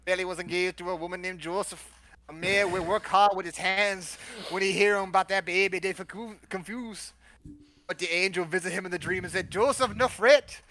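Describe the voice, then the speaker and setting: A man's voice: high voice, fairly even intonation, brisk, bright, forceful tone. A man putting on a Jamaican accent to read a story aloud as a comic storyteller, with a slight lisp. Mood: playful. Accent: put-on Jamaican.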